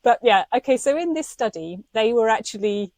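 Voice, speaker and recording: A woman's voice: a little high, expressive, brisk, a little mellow, dry recording. Impassioned woman podcast host. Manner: impassioned, indignant, laughs often. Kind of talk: passionate podcast chat.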